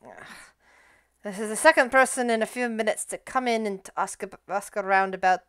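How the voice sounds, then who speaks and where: A woman's voice: mid-range voice, brisk, fairly bright tone, clear, resonant tone, close to an everyday voice. A woman voicing a weary, grumbling tattooed tavern bartender in a tabletop game.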